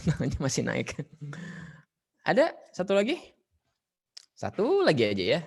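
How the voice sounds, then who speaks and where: A man with an Indonesian accent teaching a leadership lesson to students over an online call, lively and mixing in English phrases as he calls on them. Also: a little high, measured pace, creaky, husky. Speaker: teacher leading a leadership training session. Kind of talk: online class lecture.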